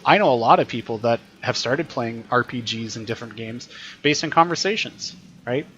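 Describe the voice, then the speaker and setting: A man's voice: mid-range voice, normal speed, fairly bright tone, muffled recording, a little hiss or hum. A man teaching while he plays a video game, explaining what happens in a chatty way and thinking aloud. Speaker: teacher streaming gameplay. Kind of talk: casual gameplay commentary.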